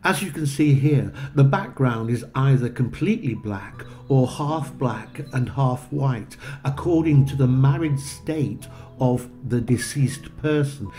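Slow, measured man narrating a church tour. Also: medium pitch, roomy sound, faint music behind. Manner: measured, explanatory, gently enthusiastic. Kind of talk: unhurried documentary narration.

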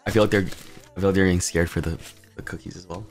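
A young male streamer with a slightly low voice talks in a loose, nervous ramble, poking fun at himself as he goes. Faint music plays under his voice. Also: fairly even intonation, rapid-fire. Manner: nervous, self-deprecating rambling. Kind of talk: casual live-stream chat.

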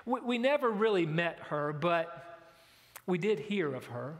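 A man's voice: fairly high pitch, very animated, unhurried. A man preaching a sermon, telling a story and building to emphatic questions. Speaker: pastor. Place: church sanctuary. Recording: echoey church sanctuary.

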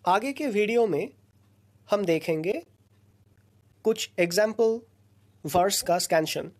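A woman teaching a recorded lesson, explaining slowly and patiently in short phrases with pauses between them. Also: medium pitch, lively intonation, a little mellow. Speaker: lecturer.

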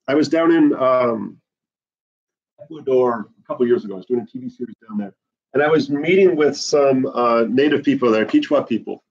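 A middle-aged man from the Bahamas lectures an herbalism class with animated, restless energy. His voice is a bit husky and sits mid-range. It comes through a floor camera in a classroom, with dull, lo-fi sound. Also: mid-range voice. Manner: animated, gesturing a lot while pacing. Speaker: herbalism teacher. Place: indoor classroom with whiteboard. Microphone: far camera on the floor.

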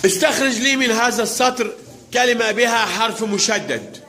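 A man's voice: very high-pitched, moderate pace, background noise. A man teaching a primary school class, quizzing pupils by name and drawing out words as he reads them. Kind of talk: classroom lesson.

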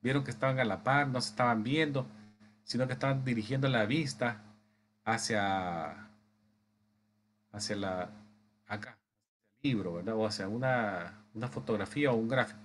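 A man teaches a class for medical assistants in a halting way, restarting phrases and checking in with rhetorical tag questions. His voice sits at a middle pitch. A faint hiss of noise runs under the recording. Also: fairly bright tone. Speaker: instructor. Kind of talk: slide-based lecture.

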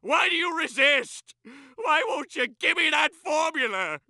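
An actor playing Plankton, a tiny scheming male villain in a video game, boasting grandly and breaking into shouts. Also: very high voice, very animated, a little slow, creaky, no echo, full character voice. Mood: furious. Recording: dry studio recording.

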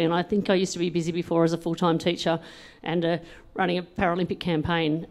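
A woman in her forties who grew up in New Zealand, an athlete being interviewed on an event stage with a handheld mic, lively and plain-spoken, quick to laugh. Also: on the low side. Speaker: Paralympian and politician, honoree.

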